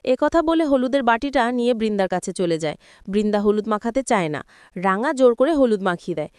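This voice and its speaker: Woman, narrator, serial recap, matter-of-fact, high voice, dry sound. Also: expressive, a little fast, a little mellow, smooth, no echo. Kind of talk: storybook retelling of a TV serial.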